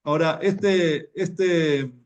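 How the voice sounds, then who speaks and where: A man's voice: on the high side, very slow, muffled recording. A man with an Argentine accent giving a conversational religious class, often repeating words as he tells stories. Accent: Argentine Spanish. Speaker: religious teacher. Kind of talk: Torah class talk.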